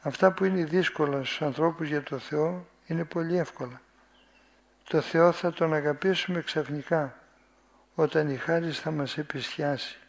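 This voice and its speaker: A man's voice: fairly high pitch, gravelly. A man preaching a sermon, reading from a spiritual text, commenting on it unhurriedly and asking his listeners rhetorical questions.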